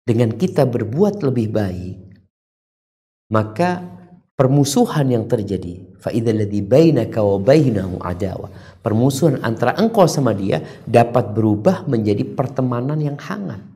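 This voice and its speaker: A man preaching a sermon, who moves between calm low talk and raised, emphatic lines and recites Arabic verses slowly. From Indonesia. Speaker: Islamic preacher.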